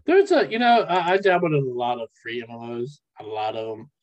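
This is casual gaming chatter in a brisk, sing-song, mid-range voice, with thoughts often left hanging mid-sentence. The sound is the muffled lo-fi of a speakerphone.

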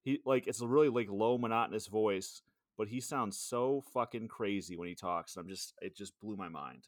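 A man's voice: fairly low pitch, normal speed, dry recording, clean studio sound. A man co-hosting a podcast in casual chat, swearing often and rambling through restarts. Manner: profane, rambling with frequent restarts.

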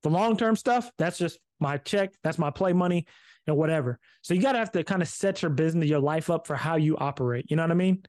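A man co-hosting a podcast in casual chat, talking in animated bursts, repeating himself and swearing casually. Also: on the high side, fast talker. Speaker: podcast co-host.

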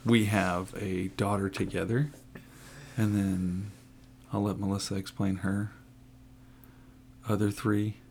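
A man's voice: on the low side, level tone, slow, creaky, long pauses, a little mellow, a little hiss or hum. A man, co-hosting a casual podcast and joking around teasingly. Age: 40s. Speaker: podcast co-host.

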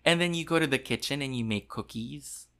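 Bright-voiced man hosting a podcast. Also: medium pitch, fairly quick. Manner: playful, laughs often, reads recipe blurbs aloud. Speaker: podcast host. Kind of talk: casual chat.

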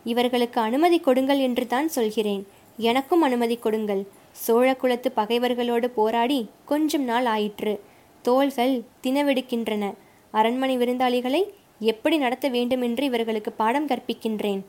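Woman doing a hot-headed young warrior guy, fast indignant protest, highish voice. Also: darkish tone, lightly acted. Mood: defiant. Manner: rapid indignant protest, raised and emphatic. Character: bold young male warrior, indignant and sharp-tongued.

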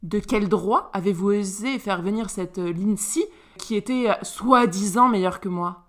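A woman's voice: medium pitch, a little slow, fairly bright tone, lightly acted. A woman voicing a vain, cold aristocratic mother and violinist, haughty and dismissive, in a storybook reading.

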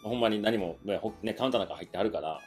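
A man's voice: fairly low pitch, rapid-fire, faint music behind. A man with a Kansai accent, co-hosting a casual chat show and telling a story with frequent laughs. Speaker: podcast co-host.

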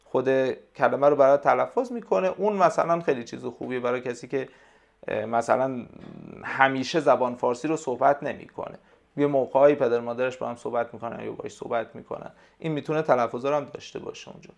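Guy with a gravelly voice, tutor on a podcast, talks slow and unsure with lots of uhs. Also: medium pitch. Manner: hesitant, explanatory, frequent pauses and fillers. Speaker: language tutor, podcast guest. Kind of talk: casual conversational interview.

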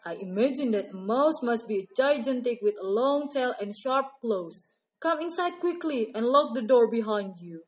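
A woman's voice: fairly high pitch, animated, lightly acted. A woman voicing a nervous, cautious elephant in a children's story. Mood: wary. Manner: anxious, hurried. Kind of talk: storybook character voice.

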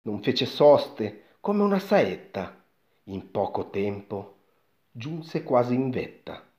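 Slow, theatrical male storyteller. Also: mid-range voice, big pitch swings, a little mellow. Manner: theatrical, lingering delivery. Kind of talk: expressive rhyming story reading. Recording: dull lo-fi recording.

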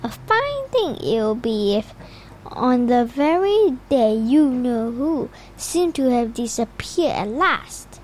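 A woman's voice: on the high side, sing-song, darkish tone, exaggerated voice. A woman reading as a stern, irritable woman professor. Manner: halting read-aloud with slips.

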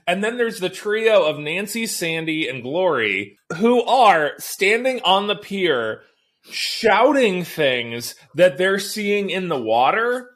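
A man's voice: high-pitched, fairly bright tone. A man co-hosting a casual podcast, giving wry, sarcastic commentary on a TV episode. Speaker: podcast co-host. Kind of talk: casual chat.

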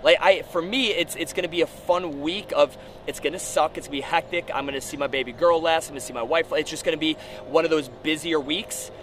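A man's voice: fairly high pitch, brisk, hardly any pauses, fairly bright tone. A man giving a blunt, profane, casual podcast monologue as a gym owner, speaking outdoors on a rooftop. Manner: profane, blunt, informal coaching talk. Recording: outdoor urban noise with traffic.

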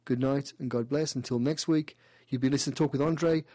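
A man hosting a call-in radio show who gives a caller a playful, animated past-life reading, often repeating and restarting his phrases. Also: mid-range voice, a little fast, no room sound.

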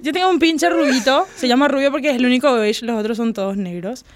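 A young woman with a high voice and a Paraguayan Spanish accent chats casually as a host. She tells animated stories and teases her guests. The sound is dry and close. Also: quick pace, no room sound. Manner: teasing, animated storytelling. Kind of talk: casual chat.

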